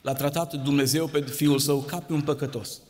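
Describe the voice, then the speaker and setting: A man's voice: on the high side, fairly even intonation, a little mellow. A man preaching a sermon in a church, with an impassioned, sing-song delivery that rises and drops. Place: church hall. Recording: long hall reverb.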